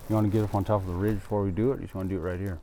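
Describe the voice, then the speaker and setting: A man on a hunting trip planning the route in a quick, matter-of-fact way. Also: sits low, level tone, warm tone, a little hiss or hum, rough recording. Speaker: hunting partner.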